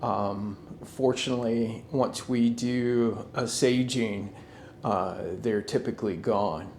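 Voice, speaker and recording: A man investigating the paranormal, speaking to a spirit in a firm, measured way. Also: medium pitch, steady tone, a little mellow, reverberant, slight background noise. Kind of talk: calm address to a spirit.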